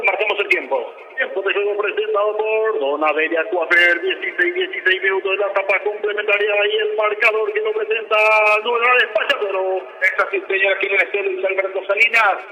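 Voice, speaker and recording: A Paraguayan man doing breakneck, excitable live radio football commentary, with drawn-out cries and repeated words. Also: high-pitched, lo-fi sound, slight background noise.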